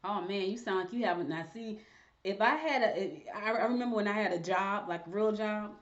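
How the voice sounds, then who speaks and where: Woman host, chatty live-stream interviewer, average pitch, dull lo-fi audio. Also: a little fast. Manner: chatty, talks to viewers while fixing tech. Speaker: show host.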